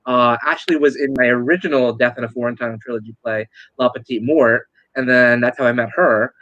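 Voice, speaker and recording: A man explains his work with eager enthusiasm, dotting his speech with uhs and ums. His voice has a middling pitch and a dry, close sound with no room echo. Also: fairly even intonation, a little fast, pushed and bright, highs cut off. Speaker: co-host and playwright. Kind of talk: casual explaining.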